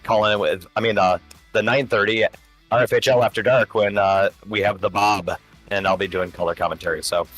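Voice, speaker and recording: Male color commentator, low smoker's rasp from a lingering illness, casual and conversational, music underneath. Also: steady tone, fairly quick, a bit bright. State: getting over being sick.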